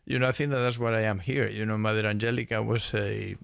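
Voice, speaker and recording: A man in his sixties from Spain with a Spanish accent, a radio guest talking in a halting way, searching for words and restarting. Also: on the low side, fairly even intonation, creaky, smooth, no echo, studio quality. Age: 60s. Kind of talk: casual radio conversation.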